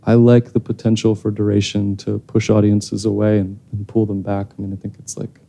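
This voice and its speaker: A man's voice: on the low side, completely flat delivery, a little fast, vocal fry, warm tone. A man in his thirties answering audience questions after a screening, speaking into a handheld mic on a theater stage, thoughtful and hesitant with many restarts. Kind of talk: post-screening Q&A.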